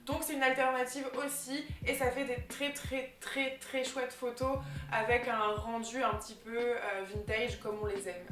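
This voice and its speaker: A woman's voice: a little high, flat delivery, moderate pace. A young woman vlogger chatting enthusiastically about gift ideas, with plenty of fillers. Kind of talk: casual vlog chat. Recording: echoey room with faint music.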